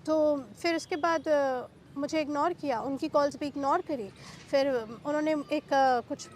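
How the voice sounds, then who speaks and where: A woman being interviewed, recounting a painful personal ordeal in agitated speech, mixing English into Hindi and asking sharp rhetorical questions. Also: high voice, fairly even intonation, normal speed, a little hiss or hum. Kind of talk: emotional personal account.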